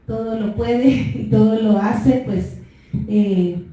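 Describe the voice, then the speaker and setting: A woman hosting a church interview, speaking slowly with chuckling asides. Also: a little high, dark tone. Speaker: host interviewer. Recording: echoey room, far from mic, faint noise.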